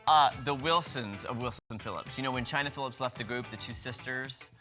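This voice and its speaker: A man's voice: medium pitch, a little fast, pushed and bright, soft background music. A man co-hosting a live TV morning show, chatty and playful, breaking into little sung bits. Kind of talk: casual TV morning show chat. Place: TV studio.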